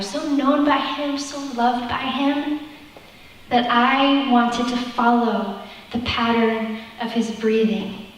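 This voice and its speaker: A young woman telling a personal story in a youth sermon, slowing down tenderly at key moments. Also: fairly high pitch. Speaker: youth speaker. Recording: echoey hall from far off.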